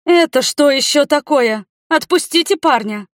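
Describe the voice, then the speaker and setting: A woman voicing a haughty scheming noble mother who feigns innocence, in a high, loud voice. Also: animated, unhurried, no echo, clean studio sound. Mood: haughty indignant.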